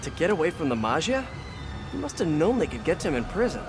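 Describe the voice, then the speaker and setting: A man's voice: a little high, very animated, fast, over music. An American man playing a quippy, earnest young superhero in a video game, talking in a wry, casual way. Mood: wry, focused. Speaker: video game lead character. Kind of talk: video game voice acting, conversational.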